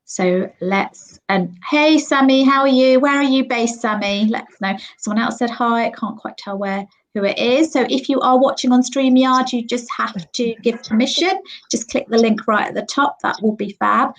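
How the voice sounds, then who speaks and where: A woman's voice: on the high side, moderate pace, low-quality recording. A woman in her forties hosting a live online panel, chatty and upbeat, with frequent ums, recorded on a computer mic at home. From Sri Lanka, raised in England. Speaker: host.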